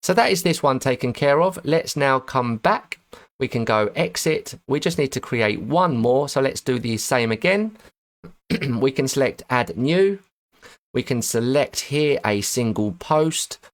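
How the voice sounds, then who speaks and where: A man's voice: mid-range voice, measured pace. A man teaching a web design tutorial over a screen recording, going step by step and correcting himself as he works. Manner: methodical step-by-step, self-correcting.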